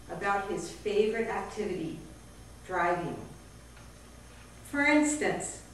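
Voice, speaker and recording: A woman's voice: medium pitch, heavy reverb, recorded from a distance, a little hiss or hum, poor audio. A woman telling a personal family story on stage, acting out the voices of her relatives. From Miami area. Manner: vivid storytelling, acts out quoted family members.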